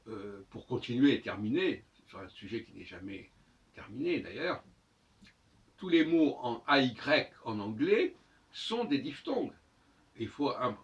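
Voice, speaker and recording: A man lectures in a lively, rising-and-falling voice, sounding out each word several times. He is caught by a mic set a fair distance off, and the audio is dull and muffled. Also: mid-range voice, measured pace. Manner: didactic, repeats words to sound them out. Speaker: lecturer on language and astrology. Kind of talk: spoken monologue lesson.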